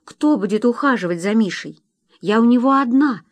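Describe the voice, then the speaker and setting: A man's voice: high-pitched, unhurried, darkish tone, dry recording. A man reading a frantic young wife. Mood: pleading. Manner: pleading, anxious. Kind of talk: audiobook narration with voiced quotes.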